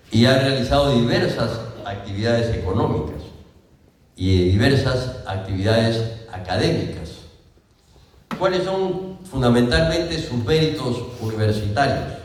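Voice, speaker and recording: An older Peruvian man delivers a formal tribute at a ceremony, speaking slowly and deliberately and pausing to correct himself. His voice rings through a large, echoing auditorium, caught by a microphone some distance away. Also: on the low side. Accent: Peruvian Spanish. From Peru. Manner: measured, with self-corrections and asides. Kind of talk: formal laudatory speech. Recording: distant mic in a reverberant hall.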